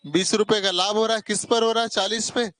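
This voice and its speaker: Steady and fairly quick, this high-pitched, slightly bright male voice belongs to a maths tutor teaching children in a classroom. He coaxes and gently scolds as he solves problems, addressing the students as "beta", and there's no room sound.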